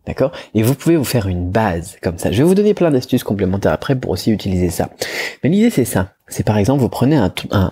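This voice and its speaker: A man's voice: fairly low pitch, dark tone, slightly rough. A man teaching pronunciation in a chatty video lesson, with lots of fillers and restarts, demonstrating tones by moving his head. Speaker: Chinese language teacher.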